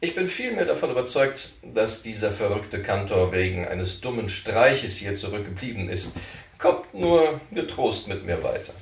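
A calm frontier scout, played by a male narrator, talking in a steady, reassuring way. His voice stays near the reader's own with lively pitch. The sound is roomy and set back from the mic. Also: moderate pace, creaky, far from the mic. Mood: assured.

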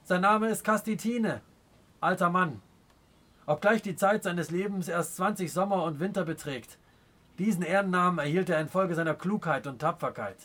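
A man reading aloud as a proud, stern chief in a storybook, speaking with slow, weighty scorn. The voice sits a touch high for a man. It sounds commanding rather than shouted. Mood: angry. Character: proud stern adult male Native chief. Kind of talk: audiobook character reading.

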